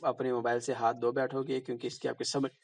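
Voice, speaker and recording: A man's voice: medium pitch, monotone, creaky. A man, casually walking viewers through phone settings in a plain, repetitive tutorial manner. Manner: plain, repetitive explaining with fillers and "bhai" asides. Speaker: tutorial presenter.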